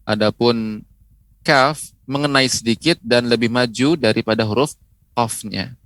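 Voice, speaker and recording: A man gives an unhurried TV lesson, drawing out each syllable and adding a gentle "ya" as he goes. His medium-pitched voice sits close and dry on the mic, with no room sound. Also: no room sound. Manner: patient, repeats syllables slowly with frequent "ya" tags. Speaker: Quran recitation teacher. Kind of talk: TV lesson on letter pronunciation. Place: TV studio.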